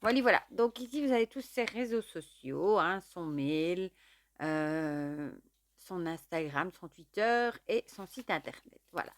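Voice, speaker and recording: A woman's voice: fairly low pitch, expressive, unhurried. Chatty woman unboxing cards. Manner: chatty, fills with "voilà" and "euh". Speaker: tarot and oracle deck reviewer. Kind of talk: casual unboxing chat.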